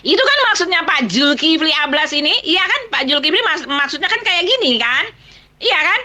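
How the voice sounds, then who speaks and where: A woman's voice: high voice, lively intonation, moderate pace, sharp tone. A woman in a heated religious debate, combative and speaking straight to her opponent. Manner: combative, addressing opponent directly.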